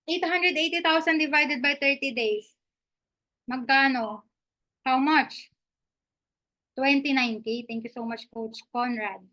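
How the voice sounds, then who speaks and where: A woman's voice: high-pitched, bright, forceful tone. A woman giving a live online business presentation, chatty and upbeat, switching between English and Tagalog, often asking "di ba?" and laughing as she talks. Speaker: affiliate marketing presenter.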